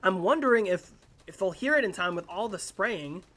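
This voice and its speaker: An excitable esports caster calls a tournament live, jumping into loud outbursts when big plays happen. The voice sits at a middle pitch and talks into a close streaming headset mic. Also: normal speed. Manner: excitable, frequent exclamations. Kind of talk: live esports play-by-play commentary.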